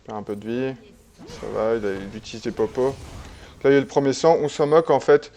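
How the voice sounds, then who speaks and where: A man casually commenting on a replay of his own online game, relaxed and chatty, with many fillers and restarts. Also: mid-range voice, quick pace.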